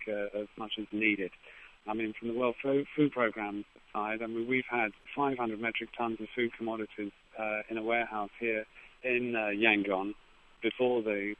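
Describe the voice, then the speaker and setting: A man giving a news interview as an aid official, speaking haltingly with repeated false starts. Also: on the low side. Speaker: aid agency representative, interviewee. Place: phone call to a radio studio. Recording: tinny phone line.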